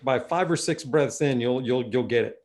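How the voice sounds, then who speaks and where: A man's voice: mid-range voice, moderate pace, a little mellow. A man co-hosting a podcast, chatting in a loose, profane way and laughing often. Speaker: podcast co-host. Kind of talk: casual chat.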